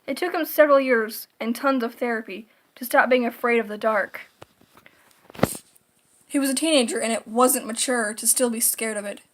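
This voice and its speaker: Higher-pitched woman narrating horror. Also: moderate pace, fairly bright tone, low-quality recording. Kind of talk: scripted creepypasta narration.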